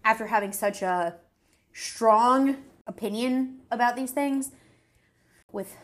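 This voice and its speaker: A woman's voice: on the high side, takes it slowly. A young woman hosting a podcast, chatting frankly and casually with many fillers. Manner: chatty, frank about dating, lots of fillers. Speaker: podcast host. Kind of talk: casual chat.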